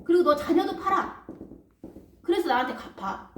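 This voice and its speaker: A woman voicing a stern male master who mockingly commands his servant to pay, loud and commanding, in a sermon. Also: extremely high pitch, expressive, moderate pace, slight background noise, voice pushed up. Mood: demanding. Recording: roomy hall from a distance.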